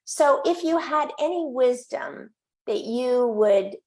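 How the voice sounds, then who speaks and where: A woman's voice: high voice, expressive, slow pace, darkish tone. A woman in her sixties or older hosting a conversational interview, asking wordy questions and affirming the answers. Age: 60s or older. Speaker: interviewer, host.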